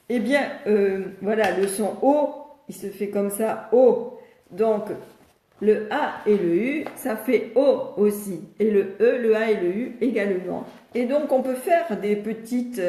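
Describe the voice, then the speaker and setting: An older woman speaks as a speech therapist in a live video Q&A, explaining things patiently and step by step. Her voice is warm and mellow. The room around her rings with echo. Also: mid-range voice. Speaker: speech therapist answering viewers' questions. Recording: echoey room.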